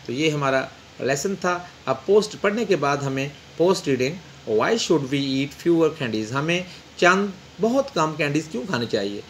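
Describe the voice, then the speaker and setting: A man teaching an English textbook lesson, reading English slowly and explaining in Urdu with frequent pauses. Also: on the high side, lively intonation, slight background noise.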